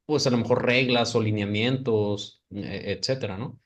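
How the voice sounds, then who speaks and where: A man's voice: on the low side, normal speed, muffled recording. A man hosting a podcast interview, asking questions in a hesitant way and repeating words as he thinks. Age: adult parent. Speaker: podcast host. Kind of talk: conversational interview.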